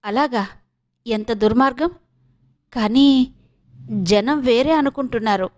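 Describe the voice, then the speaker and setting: A woman's voice: fairly high pitch, unhurried, a little mellow, lightly acted. Woman doing an earnest, faltering young man.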